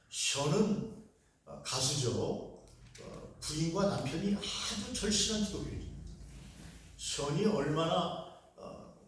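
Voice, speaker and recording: A man's voice: mid-range voice, a little hiss or hum. A man from Gyeongsang Province preaching a sermon, chatting with the congregation and asking them questions. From Gyeongsang Province, Korea. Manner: conversational, asks the congregation questions. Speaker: pastor. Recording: echoey hall, voice from far off.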